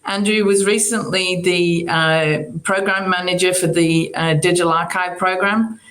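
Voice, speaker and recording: A woman archive director giving a conference presentation remotely, speaking in a measured, formal way. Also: fairly low pitch, fairly even intonation, a bit bright. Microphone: remote video call. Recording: echoey remote feed.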